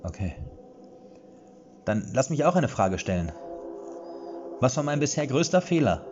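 A man's voice: medium pitch, a little fast, dull audio, noisy background, voice pushed up, natural voice. A man doing an earnest, pleading young hero. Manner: pleading, trying to sound calm.

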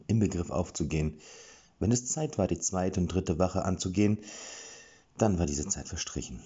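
A man reading a fantasy story aloud, expressive, with occasional slips and restarts. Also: sits low, slightly rough, dull audio.

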